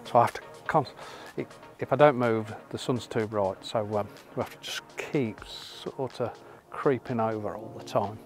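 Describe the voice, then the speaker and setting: Low-voiced man filming outdoors. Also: normal speed, few pauses, soft background music. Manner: enthusiastic, drifting to soft hushed remarks. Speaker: landscape photographer. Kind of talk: casual vlog narration. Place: open sandy beach outdoors at sunset.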